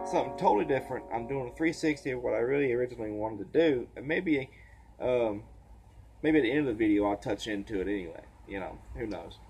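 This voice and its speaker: A man teaching a clawhammer banjo lesson, a little tired, counting beats aloud in a relaxed, casual way. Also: medium pitch, low-quality recording. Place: porch. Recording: banjo playing behind.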